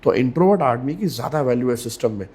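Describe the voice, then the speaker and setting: A man speaking as a communication coach in a podcast interview, measured and emphatic, repeating key words and slipping English phrases into Hindi. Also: mid-range voice, lively intonation, darkish tone, husky.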